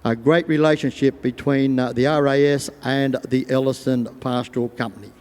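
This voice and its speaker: A man's voice: mid-range voice, fairly even intonation, normal speed, darkish tone. An Australian man commentating live sport as an arena announcer in a folksy manner over a stadium public address. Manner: folksy, voices imagined thoughts of riders and animals. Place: large show arena over loudspeakers. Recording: echoing stadium PA, long reverb.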